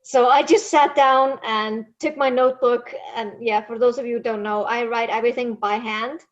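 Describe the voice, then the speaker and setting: A native Icelandic speaker with an Icelandic accent appears as a podcast guest over a video call, rambling, poking fun at herself, and laughing a lot. Her voice sits fairly high with a steady tone and moderate pace, and the call audio is dull and lo-fi.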